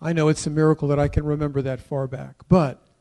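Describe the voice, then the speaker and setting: Man preaching a sermon, fairly high voice. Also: little pitch movement, fast. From United States. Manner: preacherly, shifts between soft asides and loud declarations; tells personal stories and asks the congregation questions. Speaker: pastor.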